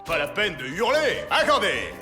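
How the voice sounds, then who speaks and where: A sarcastic cartoon genie. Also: male voice, sits high, moderate pace. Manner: sarcastic, deadpan. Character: sly wish-granting male genie, dry and mocking. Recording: cartoon dub with loud music.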